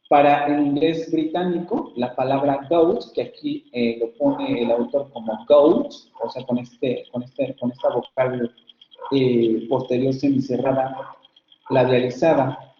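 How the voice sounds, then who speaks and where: A man from Mexico giving an online university lecture on phonetics, explaining patiently with many fillers and restarts. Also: mid-range voice. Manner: explanatory, frequent fillers and self-corrections. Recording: echoey, dull lo-fi online class audio.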